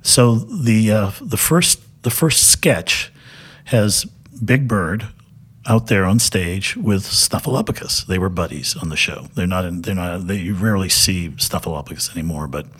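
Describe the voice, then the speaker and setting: A man chats as an interview guest, telling a funny anecdote in an animated way and laughing as he goes. His voice is husky and rather breathy. His pitch swings widely. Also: a little slow. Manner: animated storyteller, laughs often.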